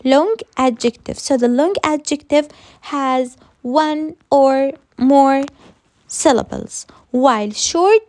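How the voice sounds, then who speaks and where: A woman's voice: high voice, slow pace, a little mellow. A woman teaching English grammar in a recorded lesson, repeating each rule and answering her own questions.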